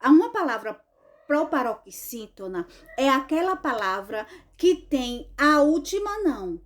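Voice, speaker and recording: A woman's voice: high-pitched, big pitch swings, a little slow. A woman teacher with a Brazilian Portuguese accent giving an online lesson, patient and affectionate, repeating points and checking that her pupils follow.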